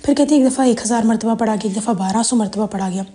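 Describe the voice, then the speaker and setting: A woman's voice: fairly high pitch, mellow. A woman hosting a religious motivational video, casually retelling another woman's story. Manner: conversational, frequent "she says" retelling.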